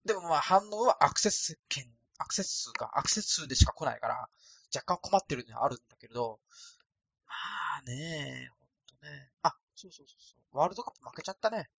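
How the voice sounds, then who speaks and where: An Osaka man hosts a solo podcast, rambling casually in a self-deprecating way. His thin, light voice is a little high, brisk, gravelly and somewhat bright, with lively intonation and a breathy edge. The recording is dry with no added echo.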